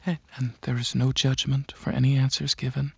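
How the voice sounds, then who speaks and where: This clip is a dry, dull-sounding recording of a man in a mid-range voice doing gentle ASMR roleplay. Cast as a calm alien dragon examiner, he questions clinically and hesitantly, pausing often, his breathy tone drifting into whispers.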